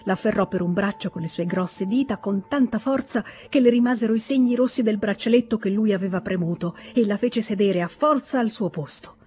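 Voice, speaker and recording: An audiobook reader narrating a classic novel in a measured, expressive way. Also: medium pitch, husky. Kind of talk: scripted literary narration.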